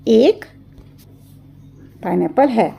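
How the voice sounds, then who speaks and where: A woman's voice: fairly high pitch, lively intonation, extremely slow, vocal fry, mellow, breathy edge, dull audio, heavily acted. A woman voicing a male fruit seller who names a price in a plain, matter-of-fact way.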